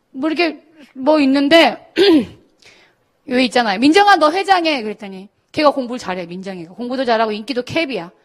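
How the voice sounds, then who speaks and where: A middle-aged woman pastor telling a personal story in a sermon to students, acting out the voices of the people she quotes. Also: sits high. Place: church service.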